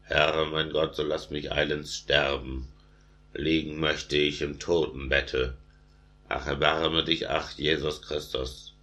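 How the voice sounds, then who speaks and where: Storybook tsarina, weary and despairing, read by a man in a very low, even voice. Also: slow pace, full character voice. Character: grieving orthodox tsarina, woman ruler.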